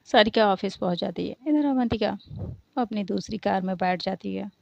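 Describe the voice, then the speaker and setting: A woman narrating a romantic story in a plain, steady way. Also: medium pitch, normal speed, gravelly, dry recording, dull audio. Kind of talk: reading a romantic story aloud.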